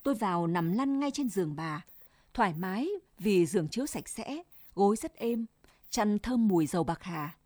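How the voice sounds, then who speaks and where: A woman reading a first-person story aloud in a gentle, measured way. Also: mid-range voice, animated, no echo, clean studio sound.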